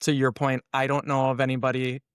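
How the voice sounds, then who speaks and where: Fairly quick and smooth, this medium-pitched man is an SEO consultant being interviewed, captured in studio quality with no echo. His style is casual and opinionated, and he acts out imagined conversations in an animated way as he explains.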